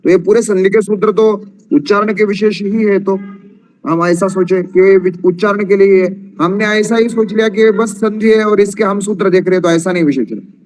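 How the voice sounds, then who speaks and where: A man with a notably high voice teaches an online Sanskrit class. He explains grammar rules patiently and slows down to chant verses, stretching the long vowels. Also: fairly even intonation, darkish tone.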